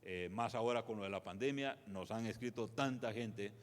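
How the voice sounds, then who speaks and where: A man's voice: fairly low pitch, normal speed. A man presenting at a church conference, speaking conversationally with many fillers and restarts. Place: church sanctuary. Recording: long reverb of a church hall.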